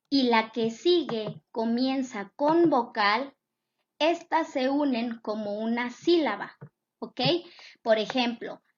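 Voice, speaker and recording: A woman teacher giving a patient lesson, repeating her points and checking in with her students. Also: fairly high pitch. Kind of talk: classroom lesson explaining poetry. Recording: dull lo-fi sound.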